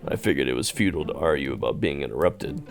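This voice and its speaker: A man's voice: extremely low pitch, expressive, gravelly, over music. A young man playfully reading game narration aloud while streaming. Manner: playful, quick to laugh.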